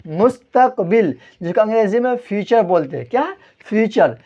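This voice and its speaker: A man's voice: sits high, lively intonation, dark tone, highs cut off. A man teaching a grammar lesson at a board, who keeps asking the class questions, answers them himself and spells words out letter by letter. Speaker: Urdu teacher.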